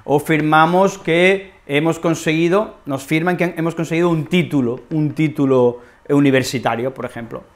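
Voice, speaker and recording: A woman with an accent from Spain teaching a language lesson, expressive and repeating key phrases as she acts out examples. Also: low voice, moderate pace, few pauses. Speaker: Spanish teacher.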